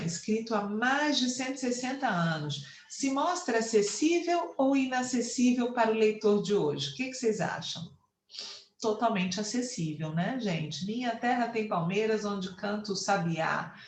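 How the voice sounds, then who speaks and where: A woman's voice: on the high side, expressive, normal speed, roomy sound. A Brazilian woman teacher with a Brazilian Portuguese accent, explaining a lesson patiently and counting syllables aloud. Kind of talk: online class lecture.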